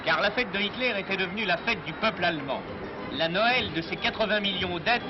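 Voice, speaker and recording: A man's voice: high voice, lively intonation, brisk. A man narrating an old 1940s newsreel from a script in a solemn, declamatory, rhetorical manner. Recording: dull 1940s newsreel soundtrack, loud music. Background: loud music.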